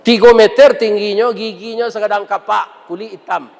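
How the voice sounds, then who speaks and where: A man's voice: high-pitched, steady tone, moderate pace, gravelly, a little mellow. A man preaching a humorous sermon, telling stories and teasing the audience with questions. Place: large mosque hall. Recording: reverberant mosque hall.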